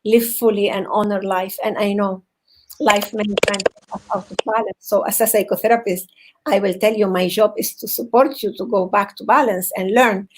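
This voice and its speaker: A woman from Venezuela who works as a psychotherapist, giving a heartfelt motivational talk over a video call in an earnest, halting way, often repeating words as she searches for phrasing. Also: medium pitch, fairly even intonation, slight background noise, low-quality recording. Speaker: psychotherapist, guest speaker.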